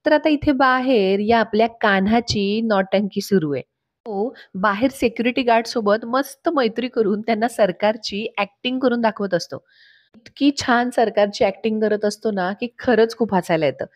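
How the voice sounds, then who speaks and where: A woman's voice: a little high, moderate pace, dry recording, studio quality. A woman narrating a TV serial episode recap in a storytelling way, quoting the characters' lines as she goes.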